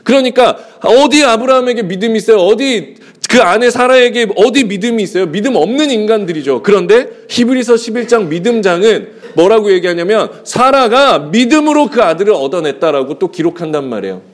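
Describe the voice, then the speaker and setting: Brisk and expressive with few pauses, a male pastor preaches in a conversational style. He throws rhetorical questions at the congregation and performs bits of dialogue, changing his pitch for each.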